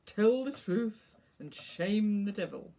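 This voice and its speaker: A woman's voice: medium pitch, measured pace, mellow, lightly acted. A woman reading aloud as a judgmental male talking spaniel with a Birmingham accent, blunt and moralizing. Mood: reproachful.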